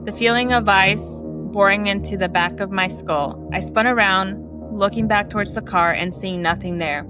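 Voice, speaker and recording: A woman reading a horror story aloud in a steady way, fixing small slips as she goes. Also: medium pitch, normal speed, over music. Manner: steady narration with small self-corrections.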